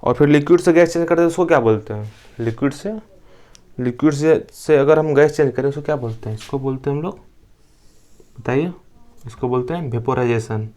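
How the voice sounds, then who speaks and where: A man's voice: a little high, brisk, long pauses, warm tone. A young man from India teaching a science lesson. He asks the class questions, answers them himself and repeats each key term. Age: young adult. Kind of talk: classroom lecture.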